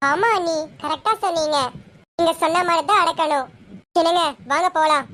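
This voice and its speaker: Performer doing timid little sis, really high voice, soft and pleading. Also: fairly even intonation, a little fast. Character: timid young sister, sweet. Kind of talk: serial parody skit.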